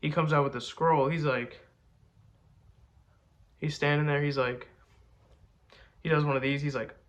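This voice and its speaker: Against a noisy background, a man with a congested, somewhat high voice speaks to camera at a measured pace and in a steady tone. He's a rapper and video host, and his talk is relaxed, rambling, and full of slang.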